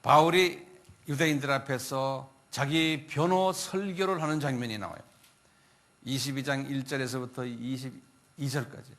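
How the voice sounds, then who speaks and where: A man's voice: medium pitch, normal speed. A male pastor giving a Bible lecture, telling the story in a conversational way and often asking his listeners questions. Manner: animated storytelling, acting out biblical quotes; conversational, asks the audience questions.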